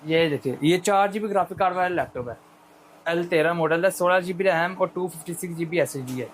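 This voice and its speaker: A male shop seller with a Pakistani accent giving an unscripted, persuasive sales pitch in repetitive patter. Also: brisk, slight background noise, low-quality recording.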